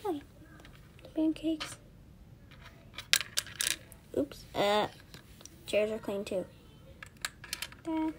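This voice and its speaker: A woman's voice: sits high, lively intonation, drawn-out words, pauses often, background noise. A woman narrating doll play in a home video, rambling and shrugging things off as she goes. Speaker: video creator.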